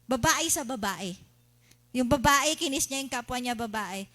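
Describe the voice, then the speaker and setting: A woman with a Filipino accent preaching a sermon, asking the congregation questions and mimicking excited worshippers. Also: high-pitched, moderate pace. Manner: animated, asks the congregation questions, laughs, mimics shouting worshippers.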